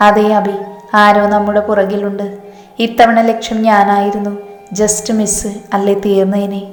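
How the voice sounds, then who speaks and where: A woman's voice: medium pitch, monotone, unhurried, reverberant, long reverb tail, faint music behind, close to an everyday voice. Wary injured young man, read by a woman.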